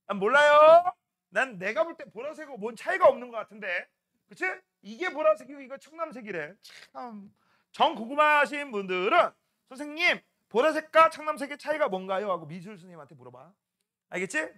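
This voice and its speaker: High-voiced, lively male science teacher. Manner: teasing, banters with students, colloquial. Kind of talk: classroom lecture.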